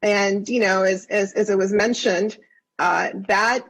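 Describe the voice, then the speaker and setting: A Venezuelan-born county councilmember speaks at a council session in a steady, unhurried, slightly bright mid-range voice. Her remarks are earnest and effusive, and she often restarts her phrases, repeating words as she does.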